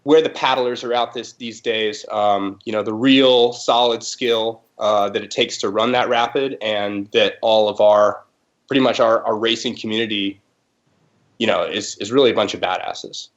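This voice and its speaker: A man's voice: fairly low pitch, fairly even intonation, normal speed, muffled recording. A man who helps organize a race, chatting casually and loosely over a video call, with plenty of fillers. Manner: laid-back, full of fillers. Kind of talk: casual podcast chat.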